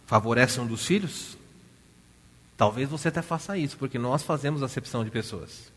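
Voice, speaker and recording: A man with a Brazilian Portuguese accent preaching a sermon, telling a story with lively rhetorical questions to the congregation. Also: medium pitch, normal speed. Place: church hall. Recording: church hall reverb.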